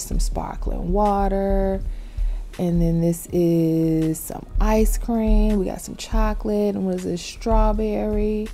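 Casual female vlogger, warm dark tone, laid-back rambling narration over gameplay. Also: mid-range voice. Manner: relaxed, chatty, lots of "little" and "like". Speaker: vlogger touring a virtual world.

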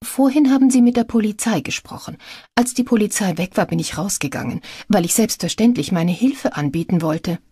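A woman's voice: brisk, dark tone, breathy edge, no room sound, natural voice. A woman reading an audiobook, voicing a nosy, whiny older woman who gossips about her neighbors. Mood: indignant gossip. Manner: whiny, indignant, high-pitched.

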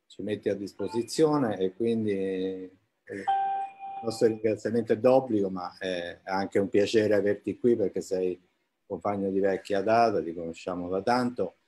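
Guy hosting a live chat, lowish voice, informal, bit hesitant and roundabout. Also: dark tone. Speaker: interview host.

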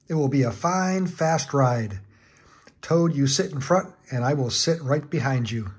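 A cheerful, eager frog from a children's storybook, read by a man. He coaxes and reassures his friend slowly and gently, in a voice of middling pitch. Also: lively intonation, husky. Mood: coaxing.

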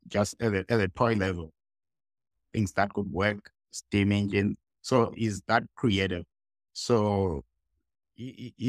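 A young man from Zimbabwe, a guest artist in a casual video-call interview, talking in halting phrases and often repeating words while he searches for them. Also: low voice, dry recording. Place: small room indoors. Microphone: headset on a video call.

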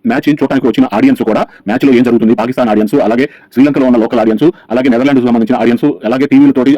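A man's voice: medium pitch, dry recording. A man narrating a scripted cricket match recap as a channel host, rattling through scores over by over. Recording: dull, lo-fi sound.

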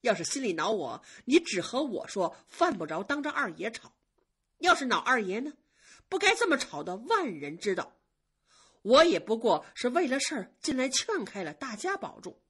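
A woman's voice: on the high side, big pitch swings, moderate pace, fairly bright tone, husky, pitched above the performer's own voice, exaggerated voice. A woman storyteller voicing a senior maidservant who soothes and coaxes, holding her temper as a peacemaker. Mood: reproachful. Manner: coaxing, soothing, then reproachful. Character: senior maidservant, gentle but proud, peacemaker. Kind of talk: traditional storytelling.

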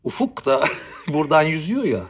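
Male talk show guest, playful and amused, lively, slightly high voice. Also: fairly quick, breathy edge. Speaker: guest musician. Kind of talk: casual chat, telling a funny story.

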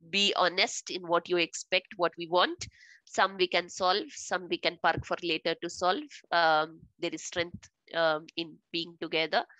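A woman's voice: lowish voice, fairly bright tone, no room sound, highs cut off. A woman facilitating a video call, explaining a task with many filler sounds and hesitations. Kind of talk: giving instructions in a video call.

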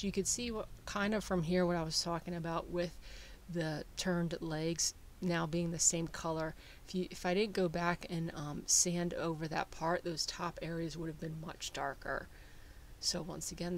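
Casting note: easygoing shop host, mid pitch, casual explainer, light hiss behind. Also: gravelly. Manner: relaxed, explanatory, frequent "um" fillers. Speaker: woodworking channel host. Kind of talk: casual how-to voice-over. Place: small woodworking shop.

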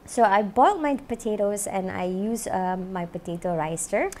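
The background is noisy as this chef in her thirties talks upbeat to camera during her cooking show, repeating "you know" often. She speaks at a normal speed in a mid-range voice, using a lapel mic in an indoor home-style kitchen studio.

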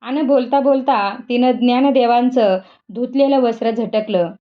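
A woman with a high voice narrates a storybook in a steady reading-aloud manner. Her recording is dull and lo-fi. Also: normal speed.

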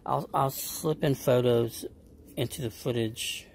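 Gravelly, flat-voiced home mechanic. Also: male voice, mid-range voice, a little slow, a little hiss or hum. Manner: hesitant, many fillers, explains step by step. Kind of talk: casual DIY explanation.

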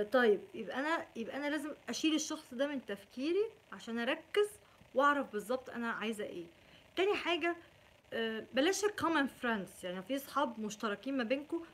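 Egyptian woman vlogger, chatty and pleading, very fast delivery, somewhat high pitch. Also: a little hiss or hum. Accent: Egyptian Arabic. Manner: chatty, pleading, drops English words. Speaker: vlogger giving relationship advice. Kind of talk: casual direct-to-camera advice.

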